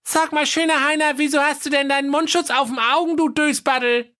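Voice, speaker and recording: A woman's voice: high-pitched, fairly even intonation, fairly quick, fairly bright tone, no echo, clean studio sound. A woman voicing a cheeky young fairy-tale maiden in a sassy, mocking way. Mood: teasing.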